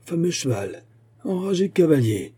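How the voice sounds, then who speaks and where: Man voicing a fierce shouting musketeer captain. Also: fairly low pitch, moderate pace, breathy edge. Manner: shouting, impassioned. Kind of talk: audiobook character voice.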